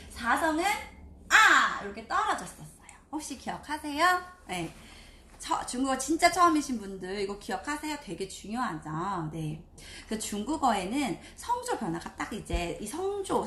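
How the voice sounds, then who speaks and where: A woman teaching Chinese pronunciation in a live online lesson, stretching out syllables slowly to demonstrate the tones. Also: a little high, a bit bright, echoey room.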